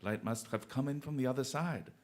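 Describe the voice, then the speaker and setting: An actor plays a self-assured, playful English gentleman sleuth of great brilliance in a radio drama, delivering lines with eloquent, exclamatory flair. He is showing off, speaking fairly quickly in a mid-range, natural-sounding voice.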